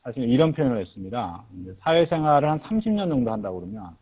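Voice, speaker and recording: A husky man talks fast as an interview guest, laying out his points in a measured, step-by-step way. The audio is tinny and thin, like a radio broadcast or a phone line. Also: mid-range voice, very animated. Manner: measured, explanatory. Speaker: guest, insurance agency head. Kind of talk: book interview.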